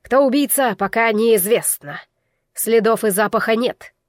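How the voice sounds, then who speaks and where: A woman voicing a stern older male garrison commander who speaks curtly and slowly, commanding the room. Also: fairly high pitch, no room sound, clean studio sound, lightly acted. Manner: curt, commanding, measured.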